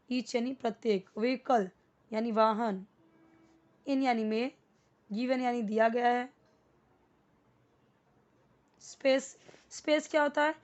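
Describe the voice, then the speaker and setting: A woman teaching English to beginners, patiently repeating each word slowly and breaking it into parts. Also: on the high side. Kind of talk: spoken English lesson for beginners.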